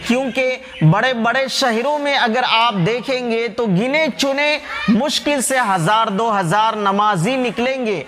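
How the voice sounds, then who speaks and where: High, bright-voiced man arguing a religious point. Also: long reverb tail, slight background noise. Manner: argumentative, full of rhetorical questions, addresses viewers as friends. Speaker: channel host. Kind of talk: religious commentary and rebuttal.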